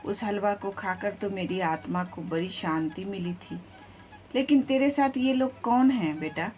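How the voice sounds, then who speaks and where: A woman's voice: mid-range voice, a little slow, a little mellow, close to an everyday voice. A woman voicing a frail, hungry, loving old mother in a storybook tale. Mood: pleading. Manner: pleading, tender.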